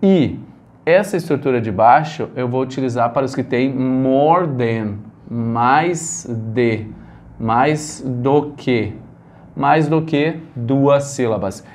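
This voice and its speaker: A man's voice: mid-range voice, slow, a little mellow. A man from Brazil teaching an English grammar lesson, explaining step by step and asking rhetorical questions.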